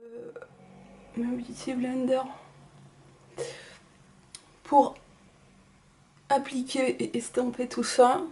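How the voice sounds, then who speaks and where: Beauty vlogger lady, casual makeup tutorial chat, jokes at herself, goes all hushed sometimes. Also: high voice, level tone, drawn-out words, pauses often, a little hiss or hum. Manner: chatty, self-deprecating, trails off into soft asides.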